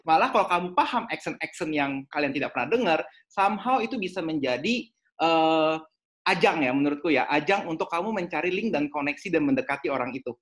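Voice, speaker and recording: A man's voice: a little high, lively intonation, fairly quick, a bit bright. A man, an education consultant giving chatty advice in a webinar, mixing in English phrases.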